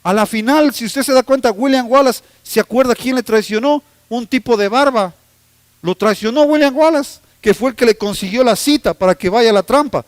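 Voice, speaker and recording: A man's voice: very high-pitched, normal speed, no echo. A man preaching a sermon as pastor, telling stories with humor and teasing the congregation. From Ecuador. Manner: humorous, storytelling preacher who teases the congregation.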